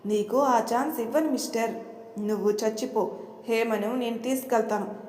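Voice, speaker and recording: A woman's voice: a little high, normal speed, a little mellow, lightly acted. A woman voicing a smug, mocking male villain who schemes in an audio story. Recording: echoey room with long reverb.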